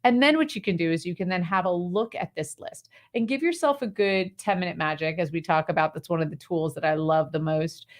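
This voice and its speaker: A woman guest on an interview show explains her method and tells stories in a lively, breezy way. Her voice sits a little low for a woman. She speaks casually and leans on fillers as she talks. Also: brisk, hardly any pauses. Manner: animated, breezy storyteller using many fillers like "like" and "right". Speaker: clarity coach guest. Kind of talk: interview conversation, giving advice.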